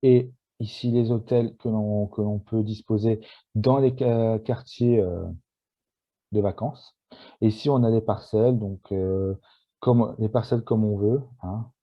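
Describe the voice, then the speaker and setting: A man's voice: lowish voice, fairly even intonation, measured pace. A shy, nervous man talking through a video game on screen, with many fillers and restarts. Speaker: gameplay video maker. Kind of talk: casual game walkthrough. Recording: dull lo-fi sound.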